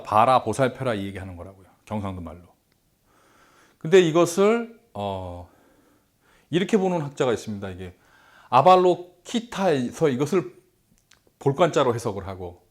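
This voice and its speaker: Lively lecturing man, animated pitch. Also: normal speed, long pauses. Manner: explains at length, repeats key words, asks rhetorical questions.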